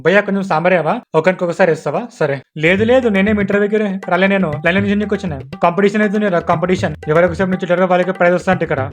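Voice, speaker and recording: Fast-talking brash comic man. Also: high-pitched, steady tone. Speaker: comedy sketch creator playing all parts. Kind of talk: comedy sketch acting.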